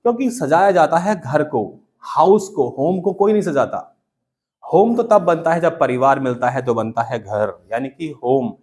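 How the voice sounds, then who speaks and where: A man's voice: a little high, lively intonation, moderate pace, a little mellow. A man teaching a spoken English class in a classroom, drilling students by asking them to repeat phrases. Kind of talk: classroom lesson in Hindi and English.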